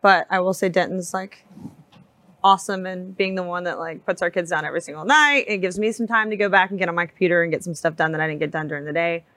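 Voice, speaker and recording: A woman in her thirties, a real estate agent and mother chatting on a podcast in a talkative, animated way. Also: fairly low pitch, fast talker, no room sound. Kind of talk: casual podcast conversation.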